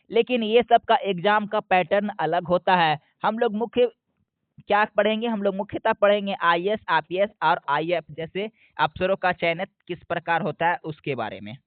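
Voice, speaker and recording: An exam prep teacher with a high male voice gives an explanatory lesson over a tinny, narrow, phone-like line with no echo. He poses questions and answers them himself, repeating key points slowly.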